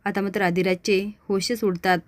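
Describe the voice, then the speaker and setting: A woman narrating a recap of a TV serial episode in steady, scripted storytelling. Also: mid-range voice, normal speed, no echo.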